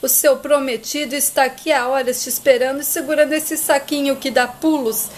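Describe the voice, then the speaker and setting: A woman's voice: sits high, fairly even intonation, fairly quick, a little hiss or hum, close to an everyday voice. A woman voicing a curious mother who teases her daughter. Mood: teasing.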